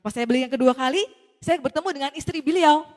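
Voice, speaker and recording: Fast, high-voiced woman telling a story. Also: big-room sound. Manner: lively, acts out the dialogue as she tells it; addresses the audience often. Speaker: speaker giving a testimony. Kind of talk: storytelling talk to an audience.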